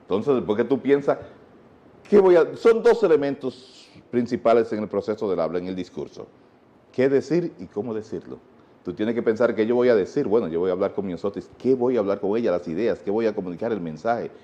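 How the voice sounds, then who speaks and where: A man's voice: fairly low pitch, expressive, brisk, mellow, dull audio. A Dominican man, a speaking teacher, explaining in a TV interview with a didactic manner and many rhetorical questions.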